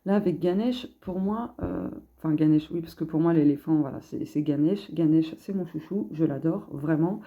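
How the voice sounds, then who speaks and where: A woman's voice: deep voice, moderate pace, few pauses, narrow, tinny audio. A woman giving a casual card reading, hesitant and chatty, thinking aloud with many filler sounds. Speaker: card reader giving a collective astrology guidance.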